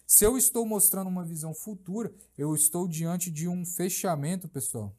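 A teacher delivers a recorded course lecture in a warm, medium-pitched voice at normal speed. The explanation proceeds step by step, with key phrases repeated and tag questions used to check in.

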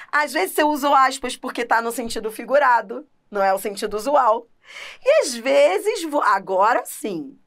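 Uma professora com sotaque brasileiro dando uma aula de gramática animada e enfática, falando direto com o aluno. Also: female voice, fairly high pitch. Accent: Brazilian Portuguese. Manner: animated, emphatic, talks straight to the student. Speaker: teacher. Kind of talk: lively grammar lesson.

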